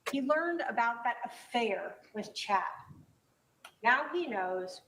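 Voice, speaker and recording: Higher-voiced woman prosecutor, emphatic closing argument. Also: expressive, a bit bright. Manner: emphatic, deliberate rhetorical phrasing with repeated refrains. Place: courtroom. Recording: noisy courtroom recording.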